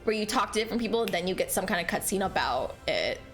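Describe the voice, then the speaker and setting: A woman's voice: mid-range voice, quick pace. A woman livestreaming a game, chatting casually in a cute, bubbly, giggly and apologetic way. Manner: bubbly, cute, excitable streamer greetings and exclamations. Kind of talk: casual livestream chat while gaming. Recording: music behind the voice. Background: music.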